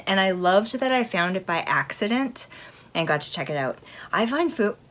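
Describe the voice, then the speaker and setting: A woman hosting a film review vlog, chatting informally and enthusiastically to her viewers, with a fan running behind her. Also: sits low. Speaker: host of a horror film review channel. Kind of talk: casual chat to viewers. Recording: steady fan noise behind the voice.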